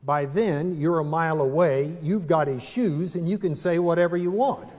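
An older male pastor delivers a sermon in a slow, deliberate way, leaning on dramatic pauses. His voice sits a little high and sounds mellow. A long reverb from the stone sanctuary trails each phrase. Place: large stone church sanctuary, at a pulpit. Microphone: pulpit microphone, far camera.

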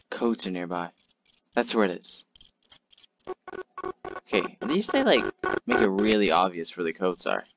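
A young man hosting a gaming channel, giving let's-play commentary in a jumpy, excitable way, yelping and trash-talking the monster. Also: low-pitched, measured pace, long pauses, faint music behind. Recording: loud game sounds with crickets behind.

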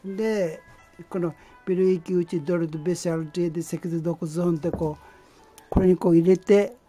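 A man giving an amateur language lesson, explaining patiently in a halting way with many pauses and fillers. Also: high voice, steady tone, dark tone, soft background music. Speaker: language teacher.

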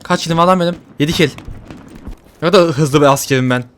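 A man with a somewhat high voice talks through a shooter match, excitable and quick to curse at the game. Faint gunfire and explosions sit behind him. His commentary is loose and casual. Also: slight background noise. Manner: excitable, swearing, joking at the game. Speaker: gaming YouTuber.

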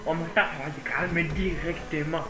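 A man's voice: fairly high pitch, a little fast. A man, the host's friend, trading mumbled teasing jokes. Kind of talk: joking banter. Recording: far from the mic with loud noise.

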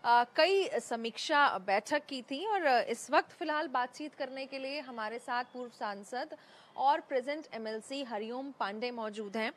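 Female news reporter, measured questions with brief fillers, slightly raised pitch. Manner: scripted intro, then questions with fillers.

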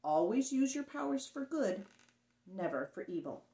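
A woman's voice: medium pitch, very animated, normal speed, mellow. A woman voicing a fierce, protective monster mother from a storybook, emphatic and commanding yet motherly. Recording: roomy echo on the voice.

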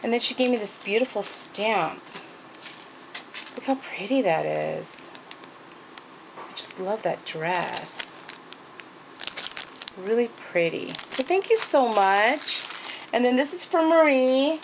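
A woman's voice: on the high side, animated, takes it slowly, gravelly, pauses often, background noise. A woman craft vlogger showing off gifts in a casual show-and-tell, gushing and thanking people over and over. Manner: gushing, repeats thanks and praise.

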